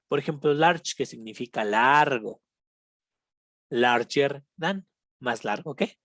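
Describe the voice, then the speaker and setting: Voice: medium pitch, a bit bright, no room sound. Patient Mexican teacher, dry close sound. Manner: patient, repeats each example, checks in with students; switches between Spanish and slow English examples. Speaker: English teacher. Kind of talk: recorded online grammar lesson.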